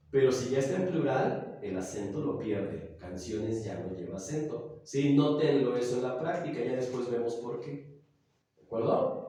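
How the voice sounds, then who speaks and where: A man with a Mexican accent lecturing a class as a teacher, explaining slowly and often checking that the students follow. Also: medium pitch, dark tone. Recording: echoey classroom from far off.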